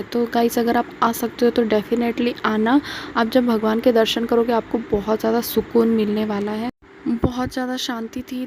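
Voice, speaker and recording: A young woman talks casually to her camera as a travel vlogger, slipping English words into her sentences. Her voice is dark and mellow and holds a fairly narrow pitch range. A faint ambient hum sits behind her. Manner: chatty, mixes English words into Hindi. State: feeling feverish, speaking softly. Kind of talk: casual travel vlog chat.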